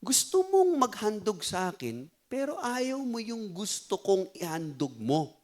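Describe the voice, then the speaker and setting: A man playing God, patient and plain-spoken, Filipino accent, high voice. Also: big pitch swings, unhurried, a little mellow. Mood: reasoning. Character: God calmly questioning and reasoning with a man.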